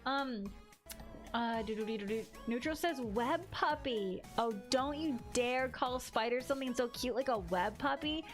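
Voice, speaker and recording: An art streamer, a young woman who is slightly hoarse from losing her voice, chats with viewers while drawing, giggling, reading their messages, and making playful sound effects. Her pitch is fairly high and her pace unhurried, with music running in the background.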